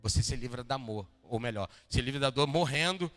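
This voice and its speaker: Bright-voiced Brazilian pastor preaching. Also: male voice, mid-range voice, fairly quick. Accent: Brazilian Portuguese, Rio de Janeiro. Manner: animated preaching, swings from quiet to loud, jokes with congregation. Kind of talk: sermon. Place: church hall. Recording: long hall reverb, faint guitar behind.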